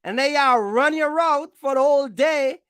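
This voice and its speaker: In a dry recording, a trucking channel host advises viewers in an informal explainer, speaking bluntly and emphatically with slangy phrasing and repetition for stress. Her voice is high-pitched and a bit bright, at a moderate pace.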